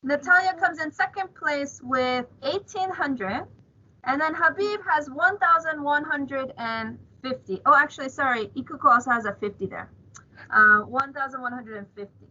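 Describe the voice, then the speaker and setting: A woman's voice: high-pitched, moderate pace, pushed and bright, dull audio. A woman co-hosting a casual game show, keeping score and chatting with the contestants. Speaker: quiz co-host and scorekeeper.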